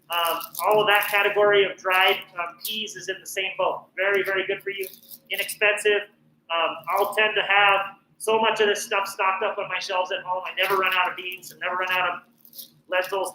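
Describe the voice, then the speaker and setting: A middle-aged man from northern New Mexico teaches a cooking class in a chatty, encouraging way, often pausing on "um." His voice sits high and sounds bright. The recording has a noticeable echo and a faint hiss underneath. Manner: chatty, encouraging, frequent "um" fillers. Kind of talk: casual cooking presentation.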